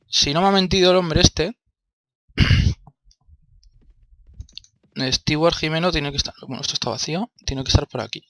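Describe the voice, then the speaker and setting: A man's voice: medium pitch, fairly bright tone, no room sound. A young man from Spain with a Spanish accent, commentating his own gameplay, grumbling and swearing as he plays. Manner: exasperated, swears often, talks to himself. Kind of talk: let's play commentary.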